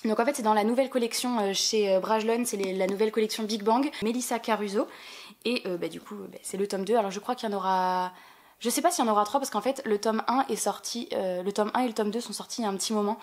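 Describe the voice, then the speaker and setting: A woman's voice: mid-range voice, fast talker. A woman with a French accent chatting casually on her book vlog, full of fillers and restarts. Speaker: book vlogger. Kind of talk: casual book haul chat.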